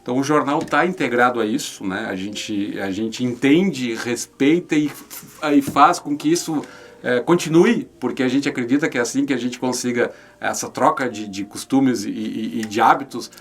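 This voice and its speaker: A man from southern Brazil speaks with a Rio Grande do Sul accent at a medium pitch. He answers in a conversational interview style, restarting phrases and repeating words, and often checks for agreement with short tags. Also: moderate pace. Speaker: interview guest, regional newspaper representative.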